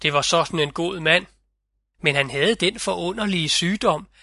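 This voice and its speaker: A man narrating a fairy tale audiobook in a measured storytelling manner, close to the mic. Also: a little high, gravelly, pushed and bright, no room sound.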